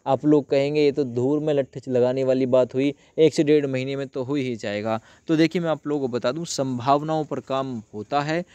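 The host of an exam update channel, a man with a mid-range, slightly mellow voice, walks viewers through exam news casually and familiarly. He repeats phrases for emphasis, and there's no echo on the audio.

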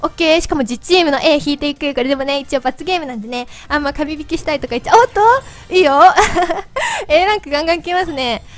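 A woman with a squeaky, helium-altered voice giving playful, chatty, excitable commentary on a game as its host. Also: quick pace. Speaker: host of a mobile game channel. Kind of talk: casual gameplay commentary.

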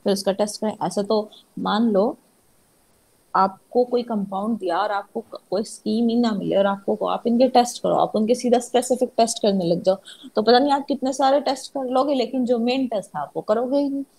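A woman's voice: a little high, fairly even intonation, fairly quick, vocal fry, mellow, husky, rough recording. A woman chemistry lecturer, teaching a class and repeatedly asking questions that she answers herself. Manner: asks rhetorical questions and answers them herself.

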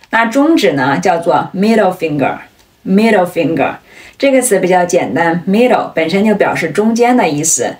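A woman teaching English vocabulary, who explains step by step and says each word slowly several times over. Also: lowish voice, husky. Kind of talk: vocabulary lesson.

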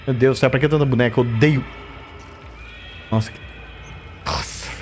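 A man with a Brazilian Portuguese accent doing let's play commentary, jumpy and swearing, with bursts of squeaky baby talk. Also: fairly even intonation, normal speed, darkish tone, faint music behind. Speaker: gameplay streamer.

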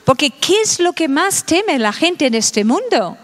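A woman's voice: high voice, sing-song, a little slow. A middle-aged woman giving a public lecture, asking her audience many rhetorical questions. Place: lecture hall in Madrid. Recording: reverberant hall recording.

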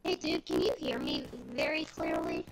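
A male host of a gaming video giving casual, rambling, excitable commentary while playing, his voice coming through with a robotic, glitchy distortion. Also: very deep voice, normal speed, creaky. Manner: rambling, excitable, filler-heavy. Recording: loud game noise behind voice.

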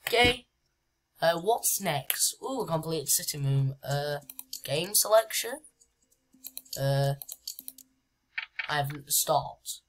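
A woman's voice: low voice, lively intonation, slow, pauses often, a little hiss or hum. A woman giving casual gameplay commentary as a YouTuber, chatty and reading on-screen game text aloud with lots of "uh"s. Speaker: gaming YouTuber. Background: background music.

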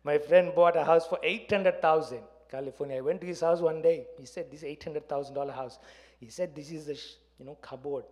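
High-pitched South Indian male preacher. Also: fairly quick, darkish tone. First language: Tamil. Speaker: pastor. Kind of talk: conversational sermon with personal anecdotes. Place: church stage. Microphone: handheld microphone.

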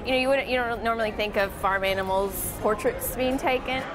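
A woman's voice: on the high side, a little fast. A woman from an airport art program explaining it casually in an interview. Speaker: arts program staff. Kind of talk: interview talk. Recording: interview with music bed behind.

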